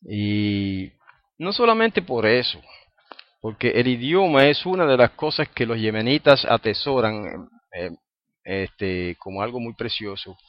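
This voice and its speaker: A man teaching Hebrew in a religious talk, rambling and circling back over his words. His voice sits at an ordinary middle pitch. The recording is dull and dry, with no room sound. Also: no echo. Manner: rambling, repeats words while searching for them. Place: home library.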